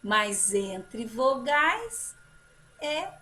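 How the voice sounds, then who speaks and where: A woman teacher giving a children's phonics lesson, drawing out example words slowly and praising her pupils. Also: fairly high pitch, big pitch swings, pushed and bright. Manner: slow drawn-out model words, encouraging teacher talk.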